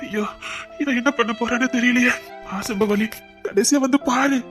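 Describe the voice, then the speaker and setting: A family elder calmly consoles and gently scolds a crying relative, played by a woman in a comic skit. She speaks with a Tirunelveli Tamil accent in a fairly high voice. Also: moderate pace, soft background music, close to an everyday voice. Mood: consoling.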